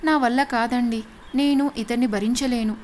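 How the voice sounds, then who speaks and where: A woman's voice: fairly high pitch, fairly even intonation, normal speed, a little hiss or hum, close to an everyday voice. A woman reading the lines of a frightened young bride who pleads through tears. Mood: pleading. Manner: pleading, sobbing words.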